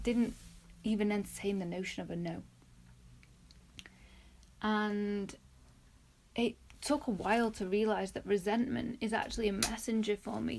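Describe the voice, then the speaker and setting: A woman talks through a reflective solo podcast. Her voice sits a little high, and she speaks softly and thoughtfully, often trailing off into a breathy near whisper. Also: noisy background. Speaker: podcast host.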